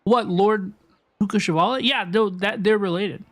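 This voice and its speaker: A young woman streaming a game, chatty and excitable, with slangy casual talk. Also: medium pitch, normal speed.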